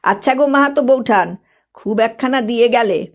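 A woman's voice: fairly high pitch, normal speed, close to an everyday voice. A woman voicing a thin, touchy village priest man who teases grudgingly. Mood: teasing. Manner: teasing, grudging.

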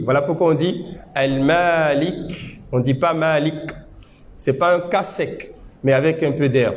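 Male teacher, patient, checks in with listeners, fairly high voice, dull recording. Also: darkish tone. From Côte d'Ivoire. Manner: explains patiently, checks with the audience, demonstrates Arabic sounds slowly. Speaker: Islamic teacher. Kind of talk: religious teaching and Quran recitation lesson. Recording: dull lo-fi seminar recording with faint noise.

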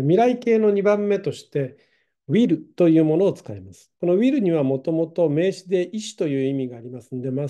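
A man's voice: on the high side, mellow. A middle-aged man teaching English grammar online, explaining patiently with many fillers.

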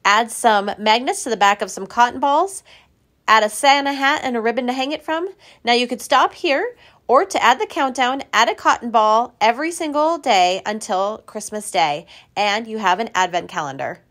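A woman's voice: fairly high pitch, animated, moderate pace, fairly bright tone. A middle-aged woman giving upbeat, instructional voice-over narration for her craft channel, walking through store finds and projects step by step.

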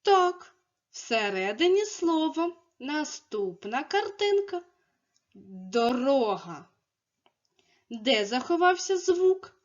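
A woman teaching a speech lesson to young children, speaking slowly and enunciating clearly as she coaxes them to repeat after her. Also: extremely high pitch, big pitch swings. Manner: slow, clearly enunciated, coaxing. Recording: dull lo-fi recording.

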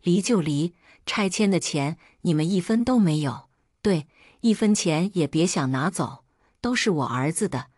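A woman voicing a gruff, domineering older father-in-law who barks orders. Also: lowish voice, lively intonation, normal speed, darkish tone, dry recording, clean studio sound. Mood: angry. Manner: barking, scolding.

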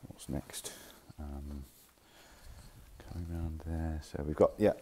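A man's voice: a bass voice, flat delivery, slow pace, noisy background. A man casually showing pieces of furniture in a warehouse, chatty and informal, sometimes correcting himself, filmed on a handheld phone. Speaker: furniture dealer. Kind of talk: casual walkthrough of stock. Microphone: handheld phone camera.

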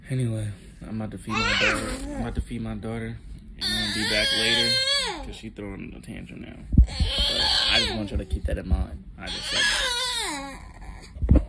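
A young man vlogging at home early in the morning, talking in a hushed, rambling, slangy way about spiritual ideas. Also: wildly swooping pitch, normal speed, creaky. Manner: rambling, hushed and low-key, with slangy asides. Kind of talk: casual spiritual monologue to camera. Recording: loud background noise.

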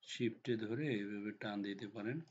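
A hoarse man with a cold walks through a design software tutorial step by step, often checking that the viewer is following. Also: lowish voice, steady tone, moderate pace. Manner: step-by-step instructions with frequent checks like "ঠিক আছে?". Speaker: computer design instructor. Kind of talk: screen-recorded software tutorial. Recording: dull lo-fi recording with faint noise.

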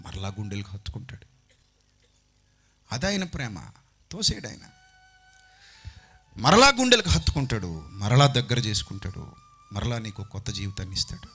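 A man preaching a sermon into a handheld microphone, impassioned, rising to loud outbursts and dropping to near-whispers. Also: fairly low pitch.

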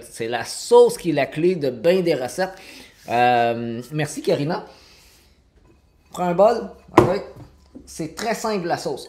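A man's voice: a little high, darkish tone. A man in his forties from Quebec with a Québécois accent, chatting casually through a live cooking stream in his home kitchen, with many fillers, and answering viewers by name. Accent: Québécois French. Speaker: cooking livestreamer. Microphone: fixed camera on counter.

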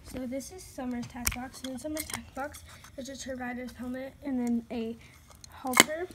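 High-pitched and fairly even in intonation, a woman chats at normal speed while showing off her toy horse barn, sometimes quieting down to a whisper as she lists things. Heavy background noise fills the handheld phone recording, made indoors in a carpeted home room by the unseen speaker.

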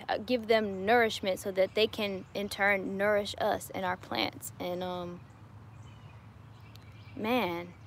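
Recorded outdoors in a home garden on a phone or webcam at arm's length, this YouTuber in her twenties chats casually with livestream viewers. She sounds mid-range, upbeat, and often laughing, and she's probably in her late twenties. There's slight background noise.

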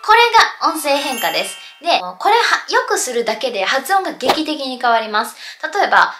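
A woman's voice: high voice, big pitch swings, fairly quick, reverberant, music in the background. A woman teaching English pronunciation in a casual lesson at a blackboard, explaining with spoken examples.

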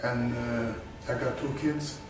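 A man from Senegal, a boxer who also raps, gives a loose self-introduction to camera at a slow pace, his medium-pitched voice holding a steady tone. He wanders in his speech, restarting and repeating phrases. The recording is made from afar in a very echoey indoor room with a studio backdrop and music playing.

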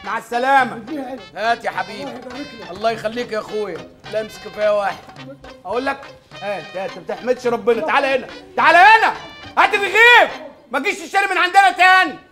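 An actor as a harried Egyptian bread seller. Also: male voice, high-pitched, fast, soft background music, close to an everyday voice. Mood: gruff. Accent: Egyptian Arabic. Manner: curt and scolding. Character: harried, gruff bakery man selling bread. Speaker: bakery worker.

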